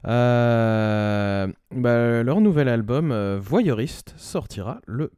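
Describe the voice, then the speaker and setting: A man's voice: mid-range voice, expressive, drawn-out words, mellow, clean tone, dry recording, clean studio sound. A man presenting a metal music radio show in a casual, rambling way, full of hesitation fillers between the tracks he introduces.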